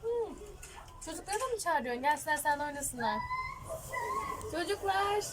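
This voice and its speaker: A woman with a very high, lively voice keeps a toddler in line, teasing him as she scolds. Her pitch jumps around a lot, and faint background noise sits under her voice. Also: moderate pace. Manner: playfully stern, teasing. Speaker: adult minding a toddler. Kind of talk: home video talk to a small child.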